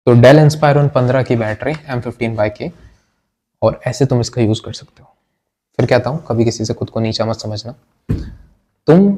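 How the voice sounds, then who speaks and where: Young man, mellow dark voice, blunt preachy pep-talk vlogger. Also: mid-range voice. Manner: blunt, preachy, crude slang, mixes English phrases. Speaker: tech vlogger. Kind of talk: casual motivational talk to camera.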